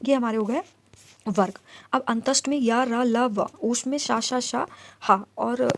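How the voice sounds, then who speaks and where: With a fairly high pitch and a steady tone, a woman teaches a grammar lesson for exam prep. She answers the questions she asks the class and slowly recites letter sounds in lists.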